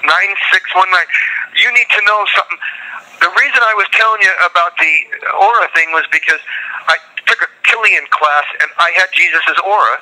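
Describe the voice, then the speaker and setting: A man on a prison phone line talks quickly in a high, sharply tense voice. He rambles and jumps from one claim to the next in loose, casual conversation. His delivery is hurried throughout. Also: sharp tone. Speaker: prison inmate calling in.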